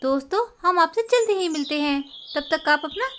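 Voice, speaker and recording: A woman's voice: extremely high pitch, expressive, normal speed, fairly bright tone, a little hiss or hum. A woman narrating a scripted village storybook and addressing her channel's viewers.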